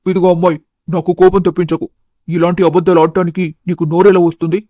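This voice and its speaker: Woman doing a gruff old cartoon father-in-law, indignant, fast and flat, dark lowered voice. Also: no echo, natural voice. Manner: indignant, lecturing. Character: stern elderly father-in-law, village elder. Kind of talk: animated storybook voice acting.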